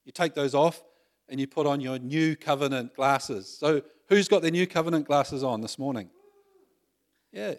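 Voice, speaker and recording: A middle-aged male pastor giving a conversational sermon, full of rhetorical tag questions and self-deprecating humor. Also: a little high.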